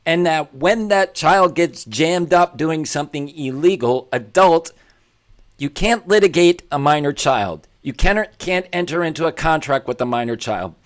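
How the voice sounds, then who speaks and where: A man hosting a commentary show, with a voice pitched a little high for a man. He talks in an emphatic, preachy way and hammers each point home by repeating it. He is blunt, and he is just as blunt about himself. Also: expressive, unhurried. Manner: blunt and self-deprecating. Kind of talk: opinionated commentary monologue.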